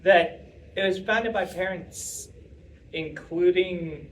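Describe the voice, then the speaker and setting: A young man with a slightly high voice speaks slowly and casually while answering audience questions, rambling, interrupting himself, and using lots of fillers. A distant mic catches him from across a meeting room, giving a rough recording with faint room noise.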